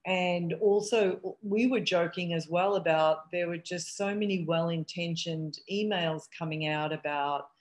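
A woman's voice: on the low side, measured pace, hardly any pauses. Candid woman on a video call. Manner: candid and reflective, with frequent restarts and "um"s. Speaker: eating disorder treatment center owner. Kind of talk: casual video call conversation.

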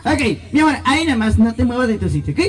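A man hosting a school party, coaxing and playful with the children, shouting to rally them. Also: very high-pitched, big pitch swings, racing, rough recording. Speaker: party host at a school event. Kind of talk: animated emcee patter with children. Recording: loud music and crowd behind.

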